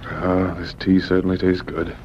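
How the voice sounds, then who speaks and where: An actor playing a steady, genial Mountie sergeant with an authoritative manner in an old-time radio drama. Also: male voice, sits low, moderate pace, lightly acted. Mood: genial, curious. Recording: muffled, noisy old radio recording.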